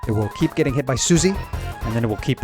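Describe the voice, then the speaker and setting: Talking fast and animatedly in a medium-pitched voice, a man plays a game and casually explains its music, musing as he goes. The game's music sounds behind his voice.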